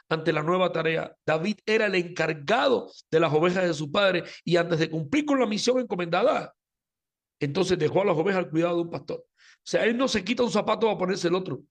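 A man's voice: high-pitched, creaky. A man teaching a Bible lesson to a group, telling the story and speaking straight to his listeners. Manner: storytelling, addresses listeners directly. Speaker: Torah teacher. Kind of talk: sermon-style Bible lesson.

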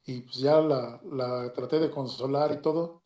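Halting Mexican man in a roomy echo. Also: medium pitch, steady tone, warm tone. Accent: Mexican Spanish. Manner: halting, with many restarts and reenacted dialogue. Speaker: storyteller giving a personal testimony. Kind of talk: emotional personal story, casual.

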